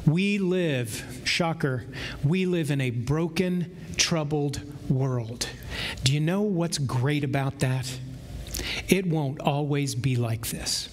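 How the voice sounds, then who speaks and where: A middle-aged man preaching a sermon from a church stage, slow and emphatic with drawn-out pauses. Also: on the high side. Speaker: pastor. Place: large church sanctuary with stage. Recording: long hall reverb, faint room noise.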